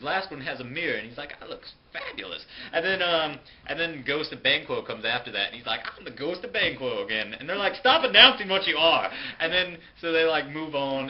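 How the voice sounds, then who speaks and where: A young man telling a silly school skit story in a goofy, sarcastic, slangy way. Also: fairly high pitch. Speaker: narrator of a student skit. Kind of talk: comic retelling with put-on voices. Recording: dull lo-fi home video, faint noise.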